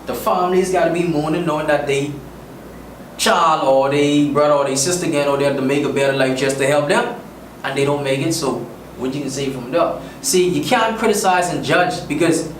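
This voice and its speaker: A man's voice: a little high, a little fast. A man from the Bahamas with a Bahamian accent, a musician speaking earnestly and emphatically with slang in a casual interview. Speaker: musician guest. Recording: echoey room, distant mic, faint noise.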